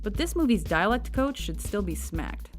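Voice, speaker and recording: A woman's voice: mid-range voice, sing-song, normal speed, over loud music. A woman reading a scripted countdown narration with wry, sarcastic asides.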